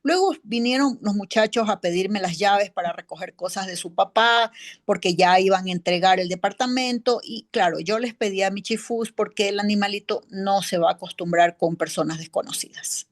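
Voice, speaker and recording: A woman's voice: mid-range voice, normal speed, close to an everyday voice. Woman playing a rambling neighbor on the witness stand. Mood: earnest. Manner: rambling, many fillers and tag questions. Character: female witness, neighbor and office accountant. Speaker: witness in a mock trial. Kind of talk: courtroom role-play, answering questions.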